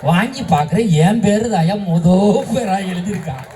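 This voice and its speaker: A man who is a schoolteacher and debate moderator, telling jokes in a humorous stage speech and shouting his punchlines. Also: sits high, lively intonation, moderate pace, far from the mic, noisy background. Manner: joking storyteller, bursts into shouted punchlines.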